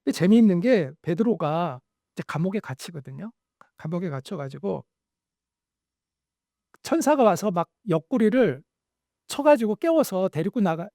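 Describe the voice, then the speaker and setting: A male pastor preaching a sermon, telling stories with animated voices for the quoted lines. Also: high-pitched, no echo, studio quality.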